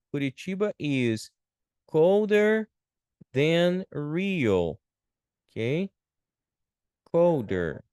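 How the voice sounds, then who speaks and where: Brazilian guy teaching english grammar online, slow and patient, drags out the example phrases, smooth voice, dry close mic. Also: fairly high pitch, a little mellow, no room sound. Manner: patient, drawn-out model phrases with frequent "ó" and "tá?" check-ins; slow and deliberate.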